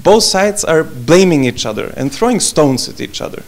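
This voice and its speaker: A man's voice: fairly high pitch, animated, normal speed. A man from Serbia, a project assistant, asking a long earnest question from the audience in English, searching for words now and then.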